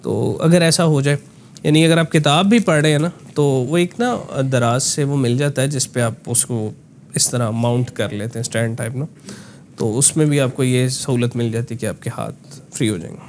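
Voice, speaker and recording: A man coaching voice work in a relaxed, explanatory conversation, often slipping English phrases into his talk. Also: medium pitch, normal speed, slight background noise. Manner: explanatory, mixes in English phrases, frequent "ना" tags. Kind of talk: conversational voice lesson.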